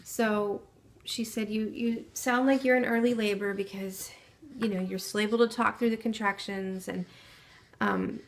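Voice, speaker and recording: A young woman telling the story of her baby's home birth in a casual, soft-spoken way, with many pauses and fillers. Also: medium pitch, fairly even intonation.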